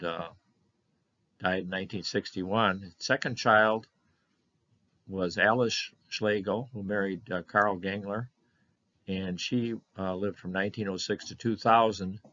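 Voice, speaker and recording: An older man presenting a slide lecture on his family history, halting often with fillers and restarts. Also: low voice, a bit bright. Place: meeting room of a historical society. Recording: dull lo-fi lecture recording.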